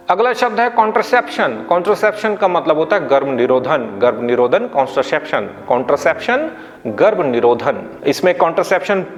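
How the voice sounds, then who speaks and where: A man with an Indian accent teaching English vocabulary in a lesson, announcing each new word on a raised note and then dropping low to sum it up, spelling words out and correcting pronunciation. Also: long reverb tail.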